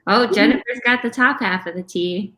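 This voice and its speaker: A woman's voice: medium pitch, moderate pace, bright, forceful tone. A woman chatting casually as co-host of an online bingo game. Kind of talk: casual chat.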